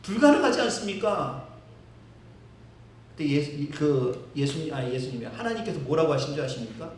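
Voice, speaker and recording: A man's voice: medium pitch, quick pace, darkish tone, slight background noise. A male pastor preaching a sermon, telling the story vividly, acting out quotes and chuckling. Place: church sanctuary. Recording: very echoey hall, distant mic.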